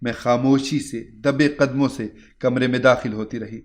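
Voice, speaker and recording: A man reading a first-person moral story in a steady, earnest narration. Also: medium pitch.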